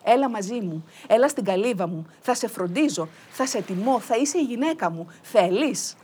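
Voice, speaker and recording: A woman voicing a male hunter in a folk tale who gently coaxes a crying girl to come home with him. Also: on the high side, lively intonation, slight background noise, natural voice. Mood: coaxing. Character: lonely male hunter, eager and tender suitor.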